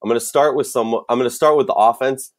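A man's voice: medium pitch, quick pace. A man with a Minnesotan accent co-hosting a casual sports podcast, thinking aloud with lots of restarts and fillers. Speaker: podcast co-host.

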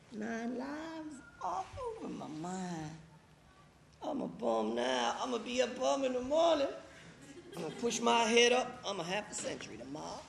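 An actor playing a streetwise homeless man nearing fifty in a stage play, with a gravelly, slangy, rambling delivery. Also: very high-pitched, full character voice. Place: theater stage. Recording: echoey theater stage, faint noise.

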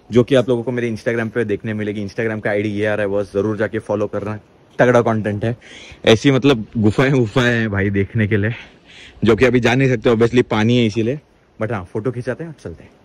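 Holding a camera as he films by a river and from a small round boat, a young man talks eagerly in Hindi laced with English for a casual travel vlog. His pitch is fairly low and his pace fairly quick.

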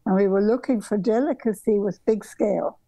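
An older woman from southern Africa, a guest architect, speaks briskly over a video call from her indoor home bedroom workroom. Her medium-pitched voice is dark and carries vocal fry, with no room sound, as she tells reflective, meandering stories and often restarts.

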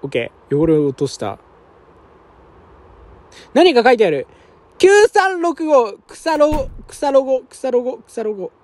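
A young man doing casual let's-play commentary at home, talking roughly to himself and his viewers with quick chuckles. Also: very high-pitched, big pitch swings, a little mellow, dry recording. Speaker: game streamer. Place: apartment room at night, keeping his voice down.

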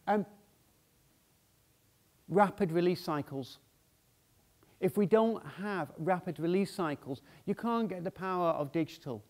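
A man's voice: high-pitched, a little mellow. A man on stage in a large hall giving a conference talk, chatty and informal, often checking in with the audience with "yeah?". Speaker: conference speaker.

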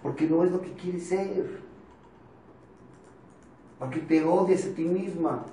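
Speaking slowly in a warm, higher-pitched voice, a man with a Mexican Spanish accent delivers a casual, humorous motivational talk to a support group. He talks bluntly with offhand swearing, picked up by a distant mic in a roomy space with slight background noise.

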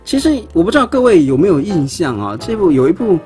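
A toy reviewer with a high, very animated, slightly mellow voice talks fast during a casual unboxing, demonstrating step by step how a toy goes together at an indoor tabletop. He often stumbles and repeats words while handling the parts, with faint music in the background.

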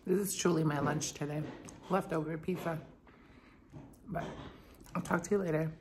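Holding her phone at arm's length, a twenty-something vlogger chats to camera in her kitchen and then on a rooftop terrace, filling her speech with "like" and "um." Her voice is low and darkish, fairly even in intonation, at normal speed, with ambient noise behind it.

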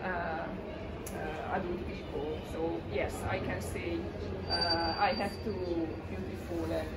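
A woman in her forties from Hungary with a Hungarian accent, talking about her paintings in a halting way with many fillers. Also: fairly low pitch, little pitch movement. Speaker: exhibiting artist. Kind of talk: informal gallery talk. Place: small gallery room with pictures on the walls. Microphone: far camera. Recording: distant mic with room noise.

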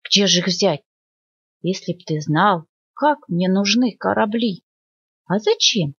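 Woman doing a sleepy slow bear cub. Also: medium pitch, animated, fairly bright tone, slightly rough, dry recording, full character voice. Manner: slow, drowsy, unhurried. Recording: dull lo-fi dry recording.

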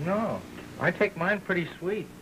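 A man's voice: high-pitched, a little slow. An actor playing an easygoing, sweet-talking young working-class American man in an early talkie. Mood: agreeable. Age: young adult. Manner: easygoing, slangy. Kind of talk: early talkie film acting. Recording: hissy old film soundtrack.

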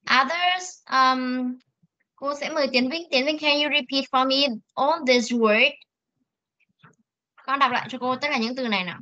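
A woman teaching an online English class, drawing out model words slowly for pupils to repeat. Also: high-pitched, pushed and bright. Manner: slow drawn-out model words for repetition, coaxing. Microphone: video call. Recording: lo-fi video call audio.

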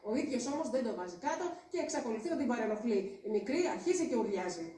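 Woman field reporter, brisk on-location delivery, distant echoey sound. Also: a little high, animated, mellow. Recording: echoey, distant, faint noise.

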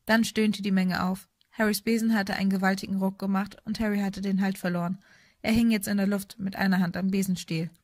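A woman narrating an audiobook with steady storytelling. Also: medium pitch, brisk, dry recording, studio quality. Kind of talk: scripted narration.

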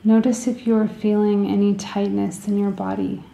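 This guided meditation is led by a woman whose mid-range voice is flat and creaky. She speaks soothingly and gently, with deliberate phrasing and pauses, and the room sounds large and echoing.

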